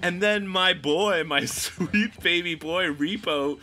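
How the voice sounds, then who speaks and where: A man's voice: sits high, slow pace, sharp tone, faint music behind. A man co-hosting a movie podcast, chatting casually and laughing through his jokes. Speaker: podcast co-host. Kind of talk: casual movie review chat.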